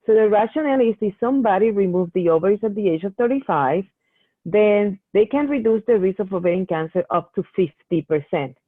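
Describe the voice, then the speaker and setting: Over tinny, phone-like call audio, a woman speaks at medium pitch with lively intonation and a fairly quick pace; the recording is dry. She's a medical geneticist fielding patients' questions in a Q&A session, giving long explanations with many restarts.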